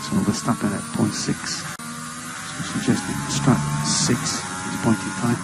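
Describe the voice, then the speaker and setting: A man's voice: deep voice, slow pace, loud music behind the voice. A man giving a driver clipped, matter-of-fact race instructions over team radio. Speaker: race engineer. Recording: loud noisy team radio over engine.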